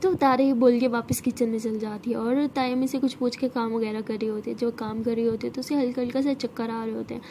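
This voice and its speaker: A woman telling a love story in a chatty, relaxed way. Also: on the high side, a little fast, hardly any pauses, slight background noise. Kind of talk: casual story narration.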